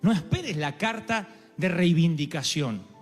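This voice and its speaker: Pastor, high voice, lively dramatic sermon in a big echoing hall with soft music. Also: male voice, a little slow. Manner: dramatic, acts out quoted voices, humorous asides. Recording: live hall with long reverb, faint music.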